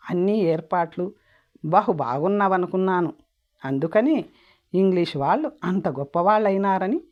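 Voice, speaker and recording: Female audiobook narrator, lowish voice, plain storyteller delivery, muffled lo-fi recording. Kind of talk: storybook reading. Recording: dull lo-fi audio.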